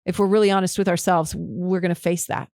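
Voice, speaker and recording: A woman hosts a podcast in a casual interview chat, swearing now and then and acting out quoted lines in a livelier voice. Her voice is fairly low, darkish, fairly even in intonation and fairly quick, with a dry, clean studio sound.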